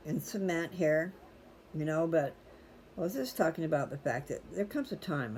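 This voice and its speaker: With a darkish, mid-range voice, a host reading scripture to viewers wanders off into casual, folksy personal chatter. A little hiss or hum can be heard in the recording.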